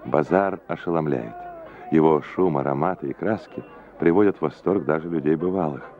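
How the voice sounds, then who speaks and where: Very deep-voiced man, old newsreel narrator. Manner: measured, formal announcer delivery. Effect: old Soviet newsreel sound. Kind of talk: scripted documentary narration. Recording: dull lo-fi 1980s newsreel audio with music.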